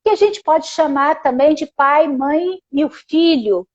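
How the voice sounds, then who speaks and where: A high-pitched woman takes her time, speaking gently and leaning on little questioning tags as she shares spiritual reflections. The audio is dull and lo-fi, as over a video call. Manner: soft, unhurried, tags phrases with "né?". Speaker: guest therapist. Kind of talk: casual spiritual conversation.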